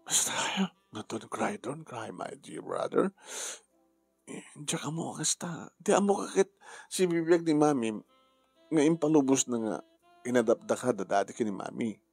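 A man's voice: medium pitch, lively intonation, normal speed, gravelly, a little mellow, husky, dry recording, faint music behind. A man speaking heartfelt family drama dialogue.

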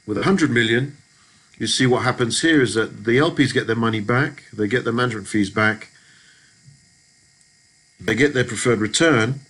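A man's voice: mid-range voice, moderate pace, pauses often, a bit bright, slightly rough, rough recording. A man giving a methodical, step-by-step lesson as a voice-over on a screen recording, with some restarts. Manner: methodical, explanatory, frequent restarts. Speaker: lecturer. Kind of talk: screen-recorded spreadsheet walkthrough.

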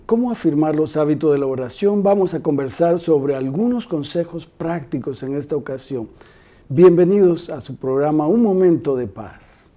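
A man in his sixties, a pastor hosting a devotional TV show, talking calmly and reflectively in a studio on a lapel mic. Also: fairly high pitch. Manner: calm, reflective, paraphrases the guest. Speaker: pastor and TV host. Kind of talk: devotional TV interview. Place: TV studio set, indoors.

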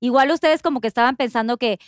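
A woman's voice: on the high side, fast, clear, resonant tone, no room sound, studio quality. A young adult woman with a Mexican accent, hosting a casual chat and asking probing questions in a chatty, slangy way. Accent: Mexican Spanish. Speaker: podcast host.

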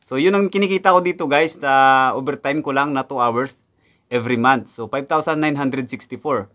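With a medium-pitched, fairly bright voice at normal speed, a young man from the Philippines who works in a factory overseas talks casually about his earnings. He addresses viewers chattily from indoors in front of a backdrop, restating his figures.

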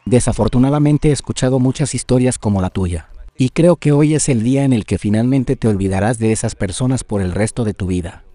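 A man's voice: mid-range voice, a little fast, dark tone. A man speaking as a talent show judge, asking short direct questions in a dubbed studio voice. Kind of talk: dubbed television talk.

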